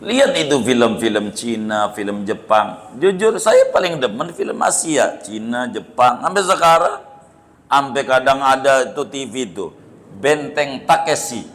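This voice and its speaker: A man's voice: mid-range voice, sing-song, a little slow, a bit bright. A male Islamic preacher giving a humorous, repetitive sermon in a mosque. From Banten, Indonesia. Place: mosque hall. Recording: echoey hall, faint ambience.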